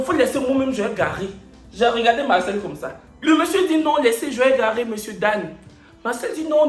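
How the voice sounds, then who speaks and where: A man vlogging, telling a comic story to camera in an animated, mock-indignant, boastful way. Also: high voice. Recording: roomy echo, faint music behind.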